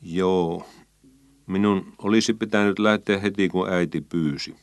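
A man's voice: low-pitched, steady tone, dry recording, studio quality. A man voicing a stubborn, sulky young boy in a children's story. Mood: sheepish. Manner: sulky, reluctant.

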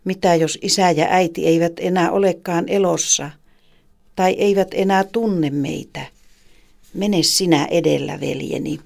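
A reader voicing a timid young girl from a folk tale, gentle and easily frightened. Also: medium pitch, steady tone, vocal fry, natural voice.

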